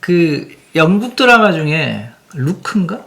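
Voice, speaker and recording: A co-host in a relaxed book chat whose voice swings up and down a lot and carries a gravelly fry at the ends of phrases. The talk is loose and chatty, full of offhand examples and dry remarks. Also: mid-range voice, takes it slowly. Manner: chatty, brings up TV examples, wry asides. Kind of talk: casual podcast discussion.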